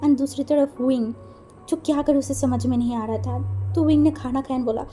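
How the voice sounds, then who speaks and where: High-voiced woman telling a story casually. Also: fairly even intonation, normal speed, dark tone, faint music behind. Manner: casual Hindi mixed with English words. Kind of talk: narrating fan fiction, voicing characters in dialogue.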